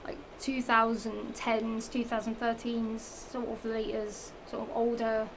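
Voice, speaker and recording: At a measured pace, a young vlogger from England speaks in a high-ish voice with little pitch movement and a Norfolk accent, chatting about shoes in a noisy home setting. It's a giggly, rambling show-and-tell packed with fillers, restarts and repetition, her voice a little strained from the heat.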